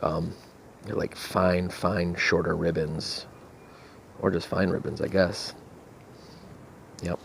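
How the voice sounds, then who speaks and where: Low, gravelly-voiced man reviewing casually. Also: flat delivery. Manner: halting, laid-back, thinking aloud. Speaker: pipe tobacco reviewer. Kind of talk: casual unscripted product review. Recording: faint background noise.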